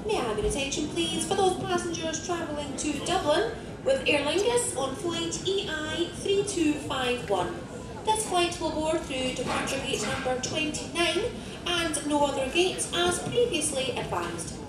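A woman making a formal flight announcement over an airport public address loudspeaker, in a measured, formal way. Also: sits high, lively intonation. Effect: public address loudspeaker announcement heard through the room. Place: airport terminal. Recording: echoey loudspeaker caught from afar over terminal noise.

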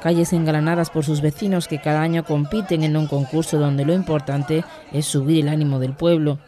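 Calm news voice-over, mellow dark tone, formal read. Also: medium pitch, brisk. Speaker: news reporter.

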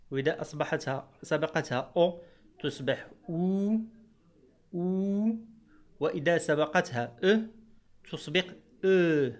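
Patient man teaching pronunciation, slightly high. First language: Arabic. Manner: patient, repeats each example word slowly. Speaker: French teacher. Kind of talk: explaining pronunciation rules.

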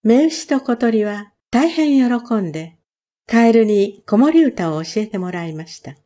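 Lady reading a kids story, slow and calm, soft mellow tone. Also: fairly high pitch. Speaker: reader. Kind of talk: storybook narration.

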